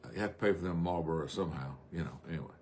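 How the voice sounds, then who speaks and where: A middle-aged man, preaching a folksy, rambling sermon on a live stream with drawn-out emphasis. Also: sits low, darkish tone, a little hiss or hum.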